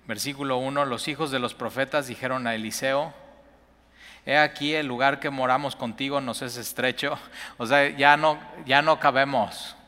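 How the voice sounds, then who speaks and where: A man preaching a sermon in a lively, conversational way, often acting out the lines he quotes. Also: medium pitch. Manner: animated, conversational, acts out quotes, chuckles often. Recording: long hall reverb.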